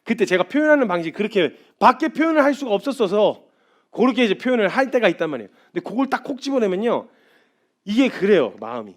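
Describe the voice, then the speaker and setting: A young man preaching a sermon as a missionary, swinging from soft, confiding lines to loud, impassioned outbursts and acting out quoted speech in a gentle hush. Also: high-pitched, big pitch swings, fast. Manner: acts out quoted dialogue in a gentle hushed voice.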